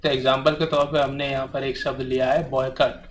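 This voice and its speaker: A man teaching a grammar lesson, explaining in Hindi and reading English definitions slowly. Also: mid-range voice, flat delivery, a little hiss or hum, rough recording. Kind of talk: exam-prep grammar lesson.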